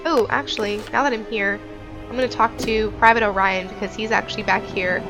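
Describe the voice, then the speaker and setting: A woman's voice: mid-range voice, fairly even intonation, a little fast, over music. A woman hosting a casual game walkthrough on a headset mic, chatty and informal, thinking aloud as she goes. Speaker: gaming video host.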